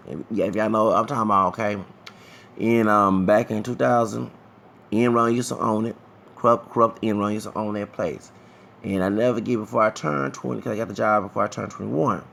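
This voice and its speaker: A man's voice: on the low side, gravelly, fairly bright tone, a little hiss or hum. A man, talking to his viewers in a loose, digressive vlog commentary that often repeats itself. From Texas, USA. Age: 30s. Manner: digressive, repeats himself, talks to viewers directly. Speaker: vlogger. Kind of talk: casual rambling commentary.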